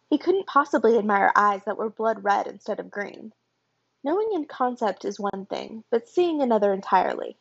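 A woman reading a chapter of fan fiction aloud in a steady storytelling manner. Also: a little high, vocal fry, no room sound. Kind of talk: audiobook-style story narration. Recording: dull lo-fi home recording.

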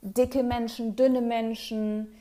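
A woman's voice: fairly high pitch, little pitch movement, slow, dark tone. A young woman co-hosting a podcast in casual chat, talking enthusiastically with slang and many fillers. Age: young adult. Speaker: podcast co-host.

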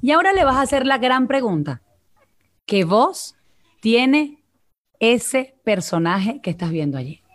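A woman's voice: fairly high pitch, big pitch swings, unhurried, pauses often. A woman from Venezuela, a vocal coach and guest, talking in a coaching tone and addressing listeners directly in a live online interview.

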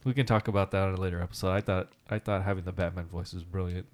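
A playful man co-hosts a relaxed podcast from a desk, his voice sitting on the low side. He chats loosely and likes to toss in silly put-on voices. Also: very fast. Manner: playful, slips into joke voices. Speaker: podcast co-host. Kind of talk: casual chat. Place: indoors at a desk.

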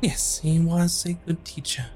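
A man voicing a frail elderly halfling woman, a kindly sensei, in a raised, gentle voice. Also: a little high, steady tone, a little slow, slight background noise, voice pushed up, lightly acted. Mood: wistful.

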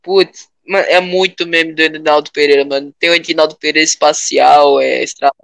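A young man with a Brazilian Portuguese accent, chatting casually in a rambling, animated way full of slang. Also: on the high side, brisk, gravelly, no room sound.

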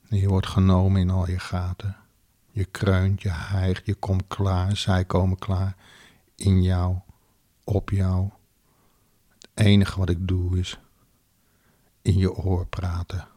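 A man narrating a second-person erotic audio story in a slow, deliberate, commanding way. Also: low-pitched, mellow, husky.

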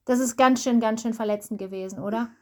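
A woman gently guiding a child through a Bible story, prompting and encouraging in a casual storytelling manner. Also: a little high, fast.

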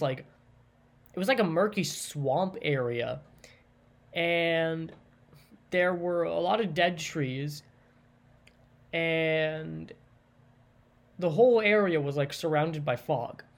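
Podcast host, casual solo storytelling, rambling, filler words, rephrases often, middle pitch. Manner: rambling, lots of likes and ums; stops often to clarify and rephrase.

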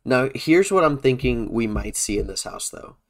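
A man co-hosting a podcast in casual chat, animated and laughing as he reads bullet points aloud. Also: medium pitch, moderate pace. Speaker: podcast co-host. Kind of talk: casual chat about a theme park event.

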